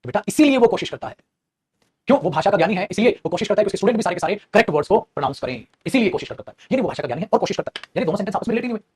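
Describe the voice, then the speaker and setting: Man, grammar teacher, very fast talker, husky tone, keeps repeating key phrases. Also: sits high, lively intonation. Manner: drills phrases by repeating them, calls students "beta". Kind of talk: fast classroom explanation.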